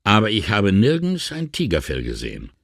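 A man's voice: lowish voice, wildly swooping pitch, moderate pace, gravelly, dry recording, clean studio sound, heavily acted. A man voicing a weary, indignant middle-aged male police inspector in an audiobook, sighing and exasperated. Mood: doubtful. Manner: sighing, exasperated and morally upset. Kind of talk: audiobook character reading.

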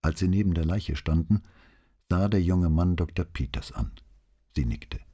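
A man narrating an audiobook in an even, measured way. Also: low-pitched, breathy edge. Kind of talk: audiobook reading.

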